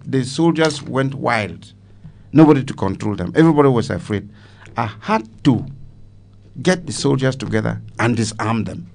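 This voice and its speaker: This older Cameroonian man, a former army commander aged 70 or more, speaks in a mid-range voice with vocal fry. Being interviewed about his past, he is emphatic and leans on repetition for weight.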